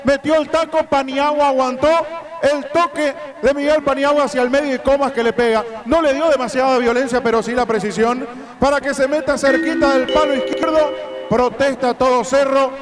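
A man giving excited football match analysis, recapping play step by step with emphasis. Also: very high voice, normal speed, music in the background.

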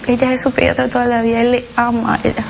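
A mother recounting her child's experience in halting, emotional personal testimony, with many restarts and tag questions. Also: fairly high pitch, monotone, creaky, noisy background.

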